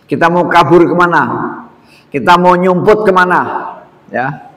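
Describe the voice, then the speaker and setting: A man's voice: high voice, measured pace, a bit bright. A man giving a casual, conversational sermon, tagging "ya" onto phrases and speaking straight to his listeners. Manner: conversational, keeps adding "ya" and addressing "Pak". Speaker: preacher. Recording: roomy hall with long reverb, faint noise.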